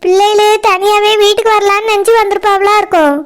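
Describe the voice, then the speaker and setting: A woman voicing a calm young woman in a cartoon who comforts a crying friend, with a Kanyakumari Tamil accent. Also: very high voice, quick pace. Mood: soothing. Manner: soothing and reassuring. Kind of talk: cartoon voice acting.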